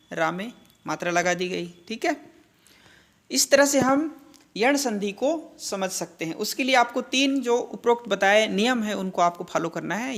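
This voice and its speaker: A woman gives a grammar lesson at a steady, deliberate pace. She sounds out each piece slowly, poses questions and answers them herself. She often checks in with her students. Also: mid-range voice. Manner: asks and answers her own questions, frequent "theek hai" and "hai na" check-ins; slow, deliberate spelling-out of sounds. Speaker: Hindi grammar teacher. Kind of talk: classroom-style grammar lesson.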